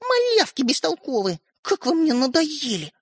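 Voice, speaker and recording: A woman's voice: high-pitched, wildly swooping pitch, normal speed, dry recording, clean studio sound, pitched above the performer's own voice. A woman voicing a bossy older sister, a girl who mocks and scolds her little brothers in an audiobook. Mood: scornful. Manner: mocking, scolding. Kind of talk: audiobook character reading.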